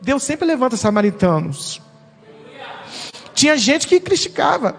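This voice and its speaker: A Brazilian man with a very high voice gives an emotional church testimony as a worship leader. He tells his story with animated feeling, and his voice rings with a long reverb through a church hall. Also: unhurried, vocal fry. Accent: Brazilian Portuguese.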